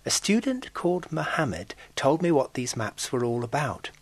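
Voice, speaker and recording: A man's voice: mid-range voice, big pitch swings, moderate pace. A middle-aged man from Britain narrating a scripted radio travel report with wry, storytelling delivery. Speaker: foreign correspondent.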